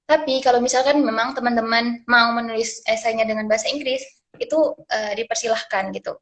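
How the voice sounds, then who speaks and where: Young woman from Aceh, fairly high voice, halting delivery, on a video call. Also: fairly even intonation, fairly bright tone. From Aceh, Indonesia. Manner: hesitant, many fillers and restarts. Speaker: guest speaker, scholarship awardee. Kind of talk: live-stream sharing session.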